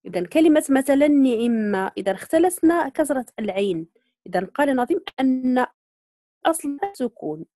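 A woman teaching Quran recitation, patiently explaining readings, slowly modeling words and checking that students follow. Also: sits high, very animated, mellow, dry recording, studio quality. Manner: patient, repeats points and checks understanding. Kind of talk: online tajweed lesson.

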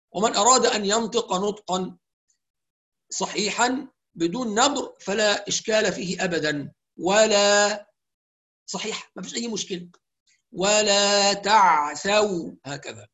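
A man with an Egyptian accent teaching Quran recitation rules, explaining in colloquial speech and reciting examples slowly and carefully. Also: high-pitched, a bit bright. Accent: Egyptian Arabic. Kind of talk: tajweed lesson with recited examples.

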